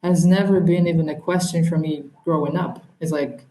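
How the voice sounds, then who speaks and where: Podcast guest: young woman from southern Russia, non-native, mellow tone, reflective with pauses, roomy echo. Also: deep voice, fairly even intonation. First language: a minority language of Russia. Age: young adult. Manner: thoughtful, hesitant, with frequent ums and laughs. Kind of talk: reflective interview talk.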